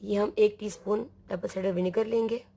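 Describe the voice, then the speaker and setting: A woman whose voice is hoarse from a sore throat walks through a homemade skincare recipe. Her tone is mellow and low in brightness, and she talks calmly, step by step. At times her strained voice drops into a half-whisper. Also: a little fast. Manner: calm, step-by-step instruction, sometimes half-whispered. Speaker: skincare channel host. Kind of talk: home remedy tutorial.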